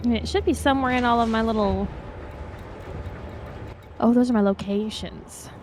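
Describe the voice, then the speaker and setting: A woman's voice: a little high, moderate pace, darkish tone, a little hiss or hum. Wry tired-sounding woman on game chat. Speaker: friend playing along on stream. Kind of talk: casual gaming chat.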